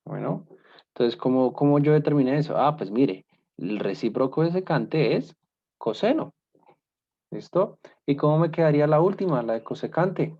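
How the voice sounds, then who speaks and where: A dull, lo-fi recording captures a man teaching basic math, animated and a little high-voiced at normal speed. He explains patiently in steps, often asking his students "¿listo?" or "¿cierto?"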